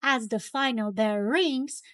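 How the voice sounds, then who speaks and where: A woman reading a children's story aloud in an animated, dramatic way, with exaggerated cartoon intonation and stretched key words. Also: fairly high pitch, takes it slowly, no room sound, clean studio sound. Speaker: storybook reader.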